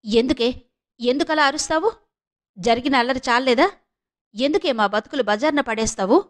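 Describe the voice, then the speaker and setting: A woman's voice: fairly high pitch, brisk, lightly acted. A woman voicing a harsh, anxious middle-aged mother who scolds shrilly. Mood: scolding.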